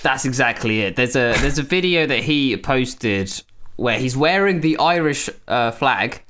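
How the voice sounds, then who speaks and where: A man's voice: medium pitch, animated, a little slow, a bit bright. Young guy, podcast co-host, easygoing banter, faint hiss behind him. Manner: laughing, banter with swearing. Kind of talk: casual podcast chat.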